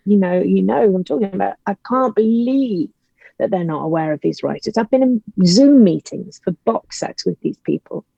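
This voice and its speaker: Over dull, lo-fi, roomy call audio, a woman who writes and acts in audio dramas gives her views emphatically as an interview guest on a podcast. Her mid-range voice is creaky and mellow with a breathy edge, and the tone stays conversational.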